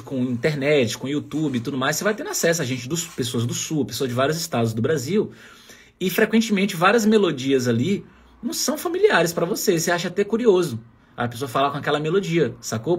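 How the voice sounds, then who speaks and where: A man's voice: fairly high pitch, fairly bright tone, breathy edge. A Brazilian man from Bahia with a Bahian accent, teaching German pronunciation in a chatty online lesson and modeling sounds aloud. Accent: Bahian Brazilian Portuguese.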